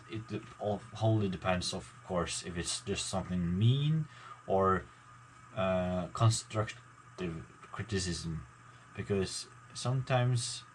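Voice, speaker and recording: A man, a gaming video maker, talking casually to his viewers in a halting, mumbling way with many fillers and restarts. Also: sits low, slight background noise, poor audio. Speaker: gaming YouTuber. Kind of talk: casual talk to camera.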